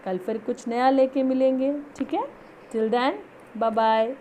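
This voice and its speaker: A woman teaching a Hindi lesson, patiently repeating words slowly to show how each vowel is said. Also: fairly high pitch, fairly even intonation, dark tone, a little hiss or hum. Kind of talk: online school lesson.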